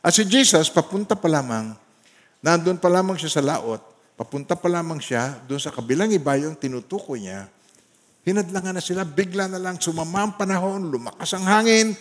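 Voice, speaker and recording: A male pastor with a Filipino accent delivers a sermon in a slightly high voice, the sound carried by a long reverb of a large hall. He pushes lines out loudly for emphasis, then drops to near-quiet asides, and stretches out scripture verses slowly for the congregation to read along. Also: animated. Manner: preaching with swings from loud emphasis to quiet, slow drawn-out scripture reading.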